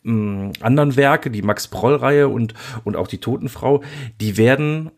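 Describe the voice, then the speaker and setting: Guy interviewing an author, mid pitch, stumbles and repeats words a lot. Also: a little slow. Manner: hesitant, stammering, repeats words. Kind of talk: conversational interview.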